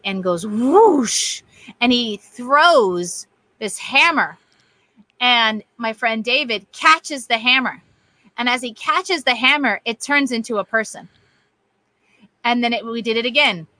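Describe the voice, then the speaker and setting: A woman telling a spiritual story in casual chat, animated and quoting voices as she goes. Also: fairly high pitch, takes it slowly, dry recording. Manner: animated, quotes voices, laughs easily. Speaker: guest sharing testimony.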